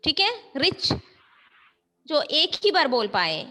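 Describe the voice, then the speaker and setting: A woman's voice: sits high, big pitch swings, takes it slowly, sharp tone. A woman teacher taking an online grammar class, mixing Hindi and English and often checking whether the students have understood. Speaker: school teacher.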